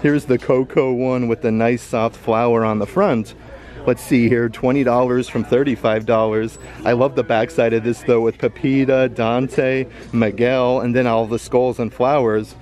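A man's voice: mid-range voice, moderate pace. A man vlogging a casual walkthrough of a large store, upbeat and reading out prices as he browses. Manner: upbeat, reads out prices, excited about bargains. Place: large indoor retail store. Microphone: handheld camera, filming himself from behind it.

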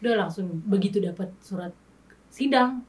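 A woman guest on an interview show, telling her story in candid, animated casual chat and acting out past arguments. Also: medium pitch, moderate pace, far from the mic.

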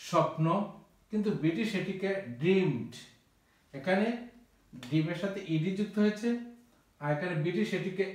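A man's voice: high-pitched, a little mellow, recorded from a distance. Echoey, off-mic male teacher. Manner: spells words out letter by letter. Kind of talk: vocabulary lesson.

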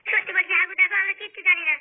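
A very high, rapid cartoon woman, begging to be believed. She talks in a fast, urgent rush. The sound is thin and tinny, like a phone line. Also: flat delivery. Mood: pleading. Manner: pleading, desperate. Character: reformed ex-troublemaker woman pleading innocence.

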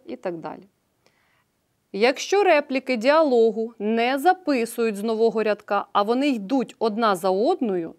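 This is a woman teacher leading a remote grammar lesson. Her voice sits a little high, and she works through examples patiently, one step at a time, pausing to confirm each point with the class. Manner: patient, explaining step by step with frequent "так".

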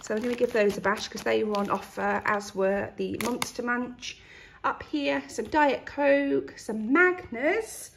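This grocery-haul vlogger talks to camera indoors in her kitchen, her high voice gravelly and unhurried. The tone is casual and chatty, full of ums, with a bit of background noise behind her.

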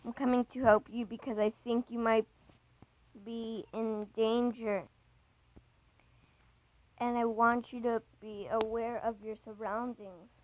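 A worried, insistent young girlfriend who presses for answers, read by a woman. The voice sits a little high and moves slowly and deliberately. The sound is dull and dry. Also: flat delivery, natural voice. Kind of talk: reading a chat story aloud.

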